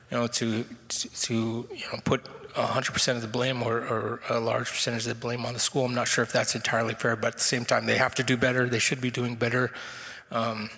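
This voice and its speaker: Middle-aged man at a meeting, flat bright voice, halting, echoey hall. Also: medium pitch. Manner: halting, many restarts and fillers. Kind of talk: unscripted answer at a public meeting.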